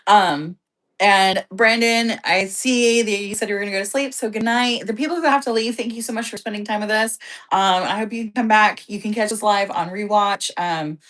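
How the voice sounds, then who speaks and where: A woman's voice: mid-range voice, fairly even intonation, normal speed, fairly bright tone. A woman hosting a casual live stream, gossiping in a chatty, rambling way with plenty of swearing. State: hiccups. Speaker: streamer host.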